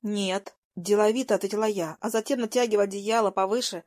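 A young woman narrating a first-person story in a soft, even voice at a middle pitch. The recording is dry and close, with no room sound. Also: quick pace, dry recording.

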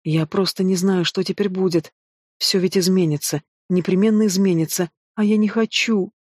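A man's voice: sits high, fairly even intonation, moderate pace, darkish tone, no room sound, clean studio sound. A man voicing a young woman who is tearful and distrustful in an audiobook. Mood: hurt.

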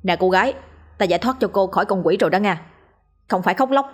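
A woman voicing a brash young male exorcist in a ghost story, talking quickly in a mocking, cheeky way. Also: medium pitch, darkish tone, breathy edge, natural voice. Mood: casual.

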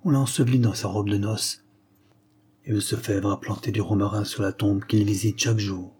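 A man narrating a classic novella as an audiobook in a measured, expressive way. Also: lowish voice, breathy edge.

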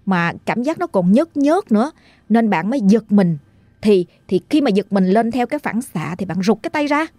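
A woman's voice: medium pitch, animated, moderate pace, warm tone, no echo. A woman telling a ghost story in a chatty, dramatic way, drawing out the tense moments. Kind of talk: casual storytelling.

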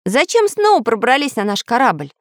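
A woman's voice: a little high, lively intonation, a little fast, no echo, studio quality, pitched above the performer's own voice. A woman voicing a stern, scolding inventor man who captains a flying ship.

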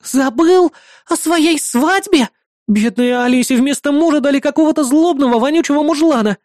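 A reader voicing a bratty, loud young girl who scolds and shouts. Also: normal speed, no echo, studio quality, lightly acted. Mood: indignant scolding. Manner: shrill, shouting.

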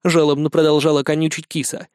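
A man's voice: a little high, flat delivery, quick pace, darkish tone, clean tone. A man narrating an audiobook in a wry storytelling manner. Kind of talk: scripted narration.

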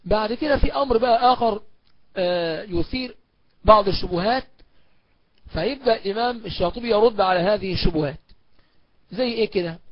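A man with an Egyptian accent teaching Quran recitation in a recorded course, asking and answering his own questions and slowing down to recite examples. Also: high voice, no room sound, muffled recording. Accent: Egyptian Arabic. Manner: slows down to recite verse examples. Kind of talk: recorded online course lecture.

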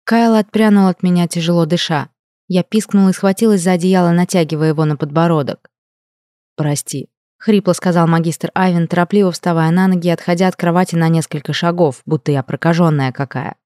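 A woman narrates a first-person audiobook in a low, warm voice. The sound is close and dry. Her storytelling is expressive and emotional. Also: fast, no room sound.

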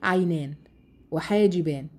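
A woman with an Egyptian accent teaching a casual Quran study lesson to women, talking in a chatty way full of rhetorical questions and slowing down to recite verses. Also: lowish voice, slightly rough. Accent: Egyptian Arabic.

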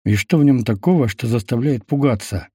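A man's voice: mid-range voice, a little fast, mellow, slightly rough, no room sound, studio quality, natural voice. A man reading an audiobook and voicing a wary young newcomer who asks short, level questions. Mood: guarded. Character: wary young male newcomer, blunt and steady.

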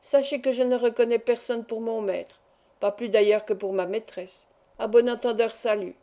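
A woman's voice: fairly high pitch, fairly even intonation, normal speed, mellow, close to an everyday voice. A woman voicing a proud, wild young peasant beauty who talks back defiantly.

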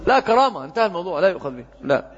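A man's voice: high voice, sing-song, rapid-fire. A man giving a classroom lecture on hadith, often quizzing his students with check questions. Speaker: hadith teacher. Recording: muffled echoey lecture hall.

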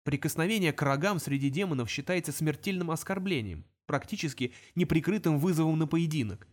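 A man reads a fantasy story aloud in an even, steady storytelling voice. His pitch sits slightly high for a man. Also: brisk. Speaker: audiobook narrator. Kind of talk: scripted narration.

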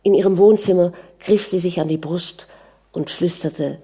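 A woman narrating a literary novel aloud in a calm, measured reading. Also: on the low side, breathy edge. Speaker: audiobook narrator.

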